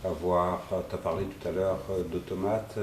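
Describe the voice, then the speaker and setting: A man interviewing a guest, asking long questions in a searching, halting way. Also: sits low, little pitch movement. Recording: echoey room with faint noise.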